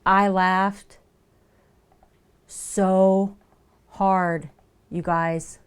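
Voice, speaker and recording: A woman's voice: mid-range voice, level tone, extremely slow, clean tone. A woman live streaming as she works on a craft project, chatting casually and thinking aloud as she goes.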